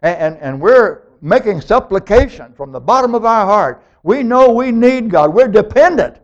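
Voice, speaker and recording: Animated high-voiced male preacher. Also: moderate pace. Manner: animated, emphatic, acts out scripture dialogue. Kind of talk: sermon. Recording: dull lo-fi recording.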